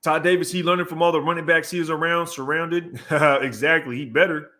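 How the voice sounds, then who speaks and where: A man's voice: on the high side, brisk. A young man hosting a casual livestream, reading viewer comments and getting worked up while breaking down game film. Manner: animated, breaks down game film with excited outbursts; reads out chat messages and gives shout-outs. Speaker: show host.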